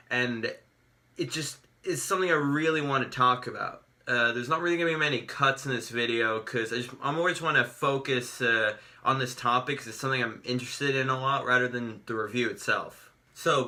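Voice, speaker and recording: A man giving a casual, unscripted video review in an earnest, effusive, halting way, his speech slightly altered by braces. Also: medium pitch, sharp tone.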